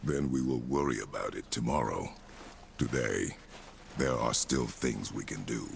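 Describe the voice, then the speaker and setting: An extremely low, heavily gravelled voice plays a stern, weathered father in a dramatic video game. He speaks in terse, measured phrases, gruff and guarded. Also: slight background noise, heavily acted. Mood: calm, stern. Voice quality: very deep, gravelly.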